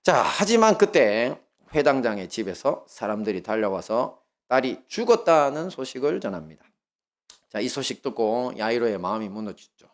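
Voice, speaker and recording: Man, pastor, Gyeongsang Korean accent, sermon, animated pitch, storytelling, asks the congregation questions. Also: moderate pace.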